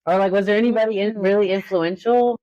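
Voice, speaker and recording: A woman's voice: mid-range voice, fairly even intonation, fast talker, warm tone, dry recording, muffled recording. A woman hosting a podcast interview, asking questions and filling in with short interested responses. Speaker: podcast host.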